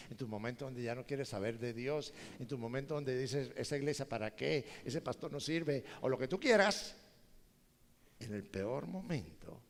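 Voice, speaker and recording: A male pastor preaching a sermon, animated and joking with his congregation. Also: mid-range voice. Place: large church hall. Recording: reverberant church hall.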